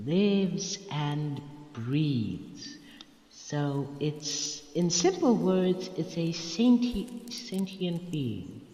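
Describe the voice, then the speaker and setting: A man playing a mad, scheming Time Lord villain in an audio drama, theatrical and teasing with drawn-out phrasing. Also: on the high side, mellow. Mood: hesitant, scheming. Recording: echoey room, long reverb, dull lo-fi sound.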